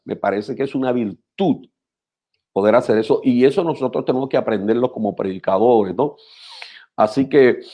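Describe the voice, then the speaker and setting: A man, a pastor teaching preachers in a measured, instructive radio talk who repeats phrases for emphasis. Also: medium pitch, warm tone.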